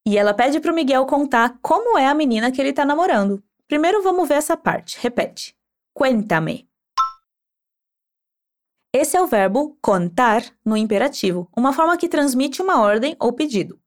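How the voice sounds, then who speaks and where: A woman teaching a language lesson, patiently modeling words slowly and asking the listener to repeat after her. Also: sits high, animated. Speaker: Spanish teacher.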